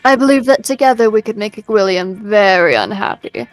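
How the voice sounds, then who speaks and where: A woman's voice: medium pitch, fairly quick, no echo, soft background music, lightly acted, poor audio. Vera, a woman voicing a scheming snake lady.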